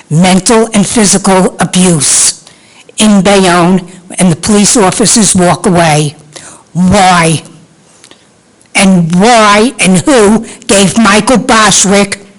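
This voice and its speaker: A woman's voice: fairly low pitch, rough recording. A woman in her sixties speaking as a resident at a city council meeting's public comment, indignant and pleading, repeating her demands for an answer. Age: 60s. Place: council chamber.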